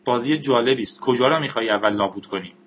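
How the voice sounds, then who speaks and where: A man voicing a playful, mischievous young man who teases and gets excited in a storybook reading. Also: mid-range voice, slightly rough, muffled recording, natural voice. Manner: teasing, excited.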